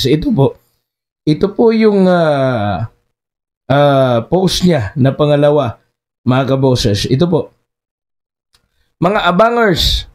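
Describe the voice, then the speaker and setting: A man hosting online political commentary, indignant and sarcastic, often turning to the viewers with rhetorical questions. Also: high voice. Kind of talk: opinion commentary on a news post.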